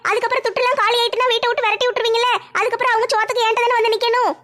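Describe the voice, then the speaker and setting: A woman playing a sharp-tongued young daughter-in-law in a family comedy skit, shrill and scolding. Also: level tone, rapid-fire. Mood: taunting.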